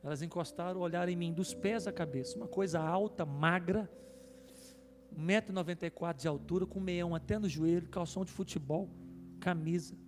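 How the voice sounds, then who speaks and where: A man's voice: high voice, fairly quick, noisy background. A man preaching as a pastor, telling a story with emotion and rising intensity at its peaks. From Brazil. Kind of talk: sermon testimony. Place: church hall. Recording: reverberant church hall with soft music.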